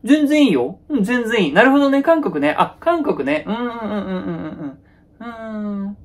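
Fairly quick and very animated, a man with a high-pitched voice plays a young boyfriend in a one-sided comedy sketch. The character avoids any conflict, placating nervously, repeating phrases and laughing awkwardly.

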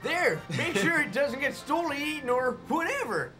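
A man voicing a very old, insistent grandpa shopkeeper from a video game, loud and emphatic. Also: very high-pitched, expressive, normal speed, pitched above the performer's own voice. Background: video game music.

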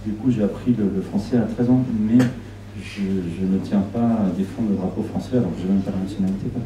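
A middle-aged Argentine film director, Spanish his first language, speaks fairly quickly in a mellow, lowish voice during a public Q&A with an audience, held indoors in a small shop's event room. He uses a handheld mic and often repeats words while thinking. Captured roomily by a distant camera, the clip has slight background noise.

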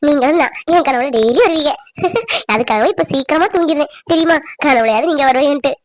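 A woman's voice: high voice, fast talker, dry recording, close to an everyday voice. Woman voicing a pleading young village woman. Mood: tender. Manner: soft, pleading, tearful. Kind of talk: cartoon voice acting.

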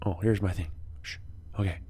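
A man's voice: low voice, steady tone, brisk, mellow, husky. A man giving casual let's play commentary, chatty and talking to the creatures in the game.

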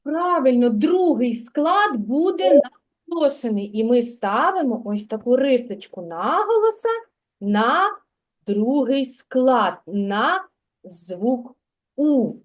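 In a kindergarten classroom, a woman gives preschoolers a literacy lesson, speaking clearly and stretching out her words so they can keep up. Her voice sits high with big pitch swings, and she talks slowly.

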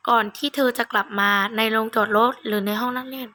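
A woman's voice: a little high, fairly even intonation, quick pace, sharp tone, a little hiss or hum. A woman doing casual gameplay commentary, reading game text aloud and reacting in a blunt, mocking, foul-mouthed way. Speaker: gamer playing through a horror game.

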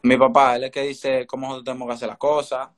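Speaking quickly and with a flat delivery at medium pitch, this Dominican teenager answers interview questions casually. He is calling in by video from an indoor room, his accent clear, with a phone or laptop placed close in front.

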